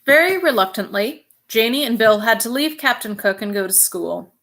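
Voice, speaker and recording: A woman reading a children's chapter book aloud. Her voice is bright and a little high, and she narrates in a clear, steady way. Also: moderate pace. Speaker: reader.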